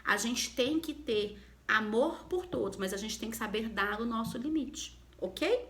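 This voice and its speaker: A woman's voice: a little high, lively intonation, a little slow, fairly bright tone. A woman from Goiânia, a mother, giving a motivational talk on emotional health and firing direct rhetorical questions at the viewer. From Goiânia, Brazil. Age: adult, mother of a daughter.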